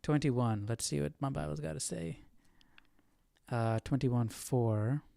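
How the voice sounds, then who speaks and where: Hosting a casual Bible study livestream, a man thinks aloud in a questioning, musing manner, raising questions and reading verses. His voice is medium-pitched, gravelly and dark, he speaks unhurriedly, and the recording is dry.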